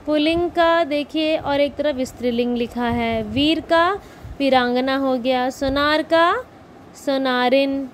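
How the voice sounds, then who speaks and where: A woman's voice: high voice, takes it slowly, slight background noise. A woman teaching a grammar lesson to young children, patiently asking and repeating questions and calling her pupils dear. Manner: patient, repetitive questioning, calls pupils beta. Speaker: primary school teacher.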